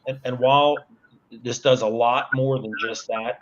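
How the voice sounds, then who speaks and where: A man's voice: medium pitch, fairly even intonation, normal speed, lo-fi sound, noisy background. Earnest man in his sixties explaining. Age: 60s. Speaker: guest. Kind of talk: product explanation on an online show.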